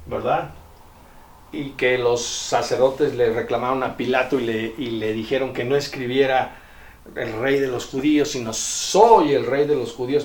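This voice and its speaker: A man giving a Bible lecture. He explains step by step, often checks in with his listeners, and slowly sounds out ancient Greek terms. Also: mid-range voice, a little mellow. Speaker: Bible teacher. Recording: roomy echo, distant mic.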